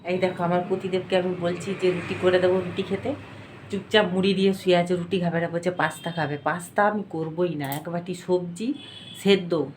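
A woman's voice: fairly low pitch, steady tone, fairly quick, darkish tone, a little hiss or hum, rough recording. Chatty middle-aged woman vlogging at home. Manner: chatty, confiding, addresses viewers directly. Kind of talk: casual daily-life vlog talking to viewers. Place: home kitchen indoors.

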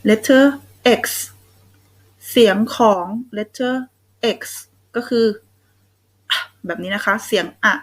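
Slow, patient Thai woman teaching phonics. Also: mid-range voice, poor audio. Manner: sounds out letters slowly, warm praise for children. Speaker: English phonics teacher for children.

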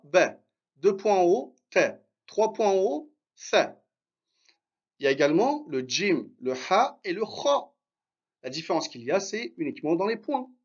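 A male language teacher gives a live online lesson at an unhurried pace, his pitch rising and falling in an animated way. He is patient, repeats each point and checks that everyone follows. The sound is a bit dull and lo-fi.

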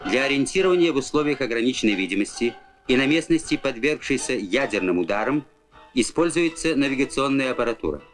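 A man's voice: medium pitch, lively intonation, quick pace, soft background music. A man reading formal, instructional scripted narration in the manner of a 1980s Soviet military training film. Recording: old film soundtrack.

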